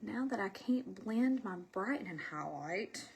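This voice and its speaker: A woman's voice: mid-range voice, expressive, measured pace, vocal fry, darkish tone, slight background noise. A woman with a Southern US accent and a stuffy, congested voice, chatting casually on a livestream in a folksy, self-deprecating way. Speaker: livestream host selling makeup. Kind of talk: casual livestream chat while doing makeup.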